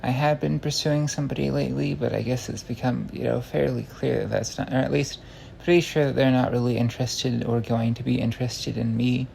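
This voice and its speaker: A man with a gravelly, creaky voice giving a casual confessional monologue, meandering and hesitant, often breaking off and restarting his sentences. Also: medium pitch, steady tone, brisk, a little mellow, low-quality recording. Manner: hesitant, meandering, self-interrupting with frequent false starts. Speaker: online content creator. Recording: faint background noise.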